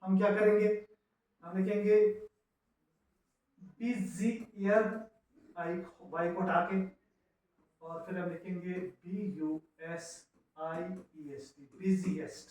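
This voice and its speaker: A man with a high-pitched voice gives an unhurried grammar lesson, spelling out word endings letter by letter. He is recorded from well away from the mic, in a very echoey room. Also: steady tone, a little mellow, distant mic. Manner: explains slowly, spelling words out letter by letter; mixes English terms into his explanations. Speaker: English grammar teacher. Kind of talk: classroom lecture.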